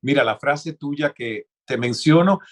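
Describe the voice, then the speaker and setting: A man's voice: fairly high pitch, measured pace. A man hosting an interview, asking questions and praising his guest's ideas. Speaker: interviewer host. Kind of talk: interview conversation.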